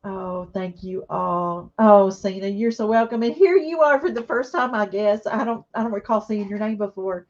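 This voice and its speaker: As host of a craft live stream, a teary woman chats casually with viewers, warmly and emotionally reading their comments aloud and answering them. Her mid-range voice moves at normal speed with hardly any pauses, and the recording is muffled.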